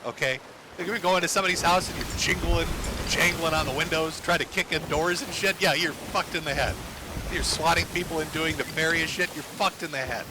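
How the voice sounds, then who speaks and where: A man's voice: a little high, a little fast, background noise. A man commentating on online drama while gaming, profane and mocking. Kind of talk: casual commentary.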